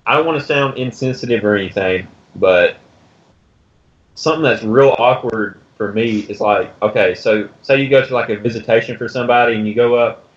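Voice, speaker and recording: A man in casual chat who speaks in a hesitant, halting way. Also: medium pitch. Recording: dull lo-fi recording.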